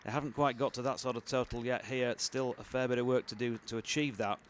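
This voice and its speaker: A man doing relaxed, chatty ball-by-ball radio cricket commentary. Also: medium pitch, quick pace, a little hiss or hum. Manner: relaxed, chatty, with fillers and laughs between balls.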